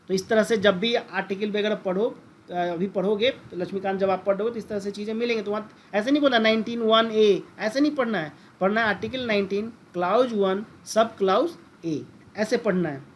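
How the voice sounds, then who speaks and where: A man teaching a lesson in lecture style, who keeps asking the class questions and repeating the key terms. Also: high voice. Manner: addresses listeners as friends.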